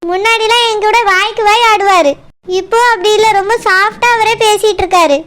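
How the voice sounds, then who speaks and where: A woman's voice: very high voice, steady tone, fairly quick, fairly bright tone. A woman voicing a tearful, resentful young woman in a cartoon, speaking with a Kanyakumari Tamil accent and brooding sulkily to herself. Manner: sulky, brooding inner monologue. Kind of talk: cartoon voice acting.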